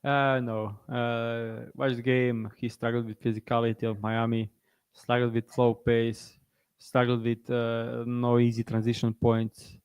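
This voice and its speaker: A man from Croatia, co-hosting a sports betting podcast in casual chat, halting and full of restarts and fillers. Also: medium pitch, monotone, a little mellow, clean tone, no echo.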